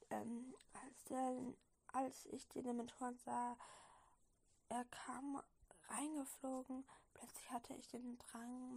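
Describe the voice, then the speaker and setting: High, creaky-voiced woman reading aloud. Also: darkish tone. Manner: stumbling, giggly, self-correcting. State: slight cold. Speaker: reader. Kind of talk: casual reading aloud of a fan story.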